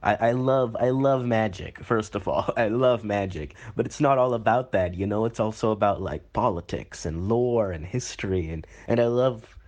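A man's voice: fairly low pitch, normal speed, hardly any pauses, darkish tone, lo-fi sound, lightly acted. A man playing an upbeat, chatty male caller who gushes with fillers. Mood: enthusiastic. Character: chirpy enthusiastic male caller.

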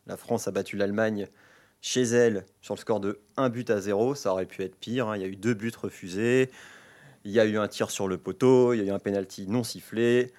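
A man with a somewhat low voice speaks as a guest pundit on a casual sports podcast. He grumbles in a gloomy, theatrical way, often stammering and restarting his sentences. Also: steady tone, a little fast, darkish tone.

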